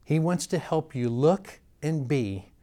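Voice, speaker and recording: A man's voice: on the high side, animated, slow pace, warm tone. A man preaching a sermon in an earnest way, building emphasis through repeated phrases.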